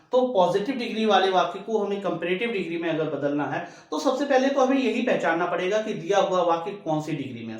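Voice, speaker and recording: A male grammar teacher with a fairly high voice walks through each rule patiently and says the key points twice. The recording is very echoey, as if made in a bare, hard-walled room. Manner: explains step by step, repeating key rules. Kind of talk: classroom-style grammar lesson.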